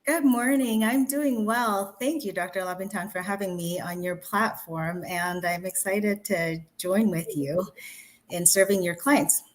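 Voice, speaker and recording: A woman's voice: mid-range voice, measured pace. A woman pediatrician from Zambia, answering interview questions in an earnest, explanatory way. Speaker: pediatrician, guest.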